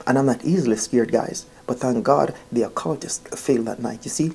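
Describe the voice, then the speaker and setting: A Jamaican vlogger with a dark, mellow, mid-pitched voice and a brisk, breathy edge talks casually to his viewers like a storyteller. He's earnest and emphatic, repeating phrases for weight and often addressing the listener directly.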